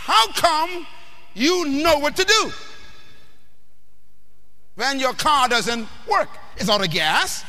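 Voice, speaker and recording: High, bright preacher shouting. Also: male voice, sing-song, takes it slowly, pauses often. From Bahamas. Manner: emphatic, questioning the audience, often shouting. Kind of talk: sermon. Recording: long hall reverb.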